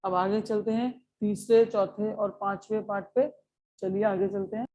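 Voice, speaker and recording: A woman's voice: mid-range voice, flat delivery, normal speed, warm tone. A woman with an Indian accent teaching an exam-prep lesson, explaining step by step and checking in often with her students.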